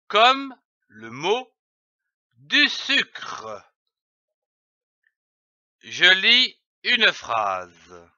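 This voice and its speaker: Male reading teacher, high and lively, spelling syllables out at a crawl; dull, dry lo-fi sound. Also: dry recording. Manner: deliberate, spells out each syllable letter by letter. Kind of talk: slow instructional reading drill.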